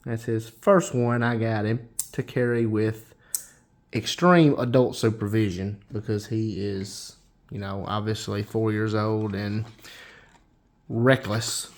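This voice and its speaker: A man hosting a casual show-and-tell vlog, folksy and unhurried, with frequent restarts. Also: lowish voice, steady tone. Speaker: knife channel host.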